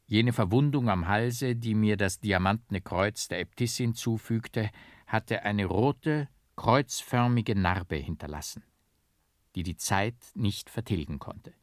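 Brief: male audiobook narrator, low voice, measured dramatic reading, dry close sound. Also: no room sound.

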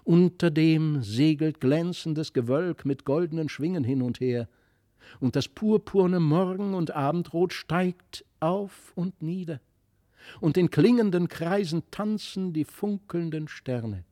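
A man reading the lines of a mysterious fairy child in a fairy-tale audiobook, softly earnest and wistful. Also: a little high, slow, no room sound, clean studio sound, voice pushed up. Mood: gentle.

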